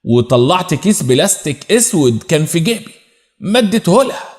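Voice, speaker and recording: A man's voice: a little high, very animated, fairly quick, a little mellow. A man with an Egyptian accent narrating a dramatic first-person audio story in a cool, hard-edged tone. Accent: Egyptian Arabic.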